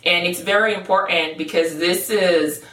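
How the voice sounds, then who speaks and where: A woman guest explaining investing in a brisk, casual way, often checking in with "right?". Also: on the low side, steady tone, fairly bright tone, reverberant, distant mic.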